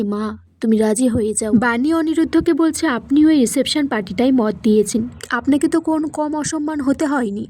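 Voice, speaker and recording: A woman reading a plot recap of a TV serial episode, telling the story in a steady way and voicing the quoted lines in the same voice. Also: high-pitched.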